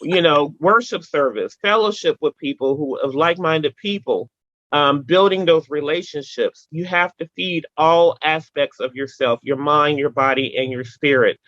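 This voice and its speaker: A woman guest in a casual interview, telling animated stories with emphatic repetition and playful sound effects. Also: sits low, normal speed, no echo, lo-fi sound.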